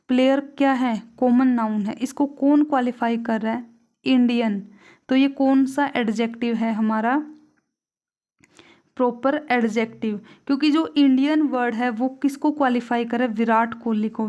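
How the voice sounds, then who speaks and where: Young indian woman teaching grammar in hinglish, kinda high voice, asks stuff then answers it herself. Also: darkish tone, dull audio. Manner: asks the class questions and answers them herself; reads English examples slowly, then translates. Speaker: English teacher.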